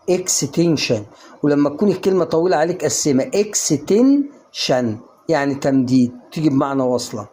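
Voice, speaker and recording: A young man with an Egyptian Arabic accent, teaching English pronunciation online in an energetic, coaxing way that asks and answers its own questions. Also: a little high. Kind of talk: online lesson to viewers.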